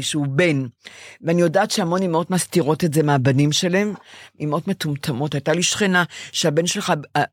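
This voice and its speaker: An older woman talks in a bright, animated way, her pitch swinging widely as she acts out her own past words. Her voice is close and dry, with no room sound around it. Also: husky, dry recording. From Israel. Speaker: podcast co-host. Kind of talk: casual chat.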